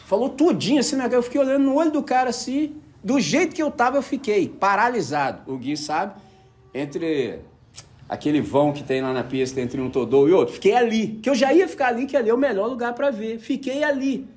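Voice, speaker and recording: A man's voice: sits high, brisk. A man preaching a casual sermon, telling personal stories and checking with his listeners that they follow. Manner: animated storyteller, keeps asking the audience if they follow.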